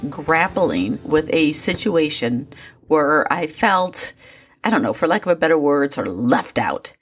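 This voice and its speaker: A woman hosting a daily devotional podcast, speaking in an earnest, personal way with small asides. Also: fairly low pitch. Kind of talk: scripted devotional talk.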